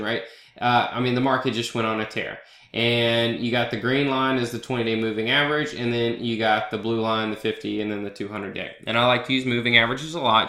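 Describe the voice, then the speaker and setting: A bright-voiced man of medium pitch, suffering a head cold, hosts a market analysis video blog as a trader, walking casually through charts over a screen recording. The sound is reverberant, and his manner is loose and conversational, with fillers and asides like "right?".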